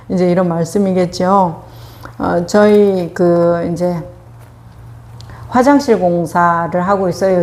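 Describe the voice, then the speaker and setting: A woman meditation teacher giving a casual dharma talk, telling an everyday story in a conversational way with frequent pauses and hesitations. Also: on the low side, darkish tone.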